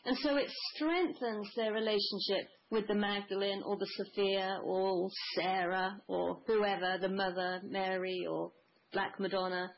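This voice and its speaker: A woman's voice: mid-range voice, fairly even intonation, measured pace, muffled recording. A woman guest in a spiritual conversation, speaking in a flowing, mystical way, piling up long lists.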